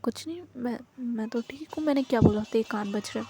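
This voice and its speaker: A woman's voice: fairly high pitch, brisk, dark tone, slight background noise, lightly acted. Feisty scolding college girl, as a woman voices her. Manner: scolding, mock-offended. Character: feisty young female college student, quick to scold.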